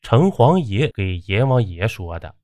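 A man's voice: on the low side, sing-song, measured pace, a little mellow, dry recording, clean studio sound. A man voicing an unseen male water ghost with a sly, matter-of-fact manner. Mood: dismissive.

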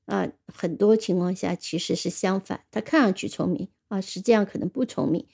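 A woman teaching English vocabulary in a radio lesson, reading example sentences slowly and then explaining them in a relaxed, chatty way. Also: mid-range voice, gravelly, breathy edge. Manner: ends phrases with the filler "啊".

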